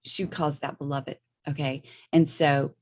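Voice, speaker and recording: A middle-aged woman with a low, grounded voice talks through a spiritual practice like a teacher. Her delivery is loose and conversational, peppered with little check-ins to the listener. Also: level tone, measured pace, a little mellow. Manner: loose and chatty, with frequent okays and rights. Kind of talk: casual explanation of a meditation practice.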